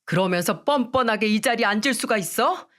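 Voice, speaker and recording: A woman's voice: fairly high pitch, animated, brisk, a bit bright. A woman voicing a firm young man, a devoted son who speaks bluntly, in a radio story.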